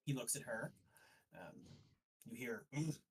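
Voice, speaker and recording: A man's voice: mid-range voice, takes it slowly, slightly rough. A man running a tabletop game as dungeon master, narrating hesitantly with many fillers. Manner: hesitant, full of um and sort of. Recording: voice a bit far from the mic.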